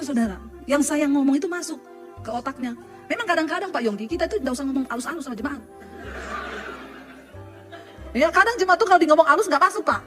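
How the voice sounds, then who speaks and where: A woman pastor with a high voice preaches before her congregation. She tells a story from her own life, laughs often and keeps turning to her listeners to ask them questions. Faint music plays behind her. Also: fairly bright tone. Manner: joking and laughing, often addressing the congregation directly. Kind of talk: sermon with personal storytelling. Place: church before a live congregation.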